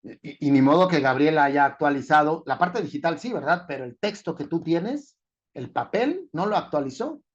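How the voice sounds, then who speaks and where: A man's voice: fairly high pitch, lively intonation, normal speed, lo-fi sound. A man giving a talk at a forum, putting rhetorical questions to the audience and explaining with everyday examples. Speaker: conference speaker.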